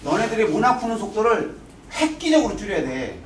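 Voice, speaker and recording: Picked up by a distant mic in an echoey room with a little hiss or hum, a man teaches a class in a high, sing-song voice. His style is brisk, blunt and informal, full of rhetorical questions thrown at the students.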